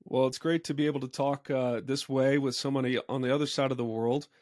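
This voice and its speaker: A man's voice: mid-range voice, steady tone, fast, darkish tone, dry recording. A podcast host from the United States, a man who is also a pastor, talks in a friendly, conversational way. He asks long, meandering questions. The recording is dry and close, with no room sound.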